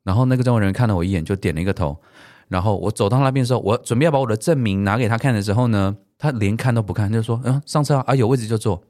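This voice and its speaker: A middle-aged man with a Taiwanese Mandarin accent hosts a solo podcast and tells a travel story with animated English swearing mixed in. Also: fairly low pitch, racing, no room sound, clean studio sound. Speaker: podcast host.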